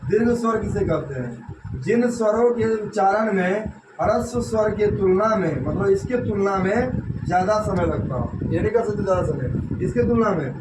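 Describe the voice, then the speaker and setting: A man's voice: high voice, lively intonation, normal speed, distant mic. A man teaching a classroom grammar lesson, quizzing the students with repeated questions. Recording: echoey classroom with noise.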